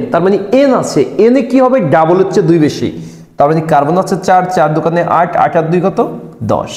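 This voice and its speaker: Animated teacher in an echoey room. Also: male voice, high voice. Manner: repeats key points, asks and answers his own questions. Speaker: chemistry teacher. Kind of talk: classroom lecture. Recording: echoey room with long reverb.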